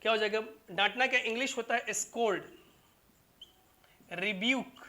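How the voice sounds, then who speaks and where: A teacher runs a classroom grammar lesson, and the voice has a bright, sharp edge. The teacher goes over each example more than once and keeps checking that the students are following, calling them "babu" and "bhai". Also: medium pitch, moderate pace. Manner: repetitive, keeps asking "clear?" and calls students "babu" and "bhai". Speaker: English teacher.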